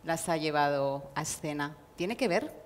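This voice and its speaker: A woman moderating a panel, asking formal interview questions in a measured, academic way, recorded in a reverberant hall with faint noise. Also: low voice, lively intonation.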